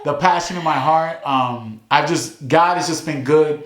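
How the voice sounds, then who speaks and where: A man's voice: on the high side, unhurried, slight background noise. A man hosting a casual sit-down conversation. He speaks in an earnest, heartfelt way and often restarts his sentences. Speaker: host. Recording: echoey room.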